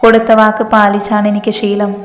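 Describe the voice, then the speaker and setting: A woman's voice: mid-range voice, completely flat delivery, fairly quick, close to an everyday voice. A woman voicing a determined young man speaking firmly about keeping his promise. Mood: resolute. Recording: echoey reverb with background music.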